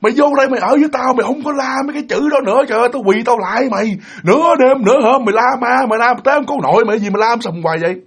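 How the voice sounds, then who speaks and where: A man's voice: high-pitched, animated, a bit bright, breathy edge, heavily acted. A man voicing an exasperated, bossy older brother who scolds in a Southern Vietnamese accent. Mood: scolding. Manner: scolding, fast grumbling rants.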